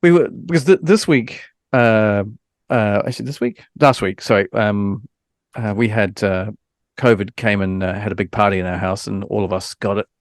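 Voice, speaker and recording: A man's voice: on the low side, normal speed, no room sound, studio quality. A man hosting a podcast, chatting casually and hesitantly with lots of fillers. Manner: hesitant, many fillers and restarts. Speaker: podcast host.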